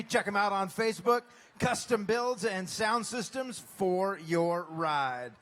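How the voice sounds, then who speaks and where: A man working as a fight ring announcer, reading fighter stats and building up to the names. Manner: booming, builds to shouted name calls. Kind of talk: fight announcing with drawn-out calls.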